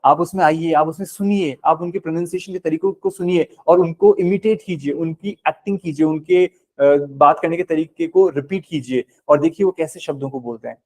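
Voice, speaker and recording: A man's voice: fairly high pitch, fairly quick, few pauses, a little mellow. An Indian man with Hindi as his first language, teaching a spoken English class and explaining patiently, switching between Hindi and English.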